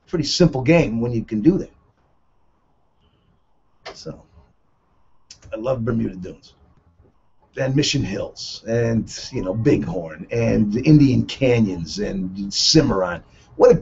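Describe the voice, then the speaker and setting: A man hosting a radio talk show, telling rambling stories in a casual, excitable way. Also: medium pitch, breathy edge, muffled recording. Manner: rambling, excitable, chuckling storyteller. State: a little out of breath.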